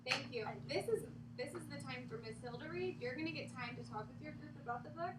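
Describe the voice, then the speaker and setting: A woman's voice: high-pitched, quick pace. A woman teacher reading a book aloud to her class, with dramatic, exaggerated protests between instructions. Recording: echoey classroom from far off, noisy.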